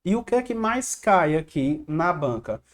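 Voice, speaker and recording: A man's voice: on the high side, big pitch swings, a little slow. A man teaching an online grammar lesson over slides. He quizzes the viewer, answers his own questions and repeats little rhymes to help them remember. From Brazil. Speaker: exam-prep teacher.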